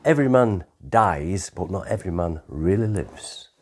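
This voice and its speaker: A man, telling his life story in a rambling, conversational way with pauses and restarts. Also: low-pitched, lively intonation, darkish tone. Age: 60s. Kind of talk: unscripted autobiographical storytelling.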